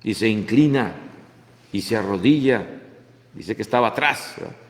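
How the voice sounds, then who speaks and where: A man's voice: fairly low pitch, lively intonation, moderate pace. A man teaching a Bible class in a church hall, talking conversationally and dropping in English tags. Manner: conversational, mixing in English tags, frequent "¿verdad?".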